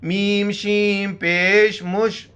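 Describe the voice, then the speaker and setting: A man teaching Quran reading, with slow drawn-out recitation and quick spoken explanations in between. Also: high voice, little pitch movement, fairly bright tone, smooth. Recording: slightly dull lo-fi audio.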